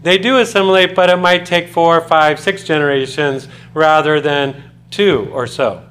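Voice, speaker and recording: Lecturing conversationally to his college class, this American man often poses questions and is loose with fillers. His pitch is on the high side, his tone fairly bright, and he talks at normal speed.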